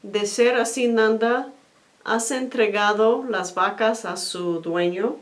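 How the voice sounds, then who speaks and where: A woman voicing a calm, wise male spiritual teacher in a told story. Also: on the high side, slow.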